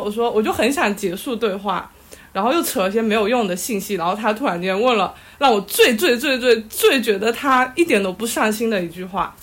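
A woman guest on a casual chat show, telling a story in an animated, exasperated way and often breaking into laughter. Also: a little high. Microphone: live audio chat app.

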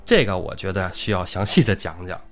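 说书味儿很足的男主播. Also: male voice, low-pitched, brisk, soft background music. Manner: animated, humorous retelling. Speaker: podcast co-host, storyteller. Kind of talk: lively storytelling chat.

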